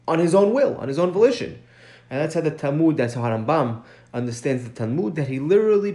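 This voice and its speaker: A man's voice: a little high, dark tone. A man teaching a recorded study lesson, explaining a text step by step, often checking in with "right?" and stressing key points with his voice rising. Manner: chants source text quickly. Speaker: Mishnah teacher.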